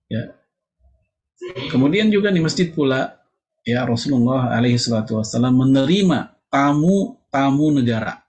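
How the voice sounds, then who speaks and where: A middle-aged male preacher talking through a casual religious lecture. His delivery is conversational and peppered with little jokes and filler words. His pitch leaps sharply upward whenever he stresses a point. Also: moderate pace, long pauses. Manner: conversational, joking asides, frequent "ya" fillers; lively pitch jumps for emphasis. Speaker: Islamic preacher.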